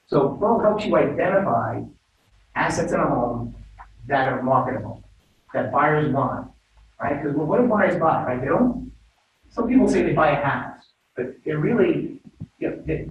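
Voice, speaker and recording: A man's voice: a little high, a little hiss or hum. A man from New York with a New York accent, giving a sales presentation to a room of realtors, full of rhetorical questions. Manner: animated, asks rhetorical questions. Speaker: guest speaker presenting to realtors. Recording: phone-like, echoey room from far off.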